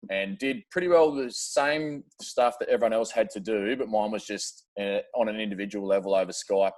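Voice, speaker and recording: A man's voice: on the low side, moderate pace, a little mellow. An Australian man in his thirties, a podcast guest telling stories in casual chat, with lots of "uh" fillers and casual swearing. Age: 30s. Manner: chatty storyteller, frequent "uh" fillers, casual swearing.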